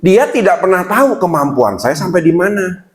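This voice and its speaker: A man's voice: high-pitched, normal speed. A man giving a motivational seminar talk, addressing the audience directly and acting out little quoted exchanges. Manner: lively, addresses listeners as "Pak", acts out quotes. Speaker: motivational speaker.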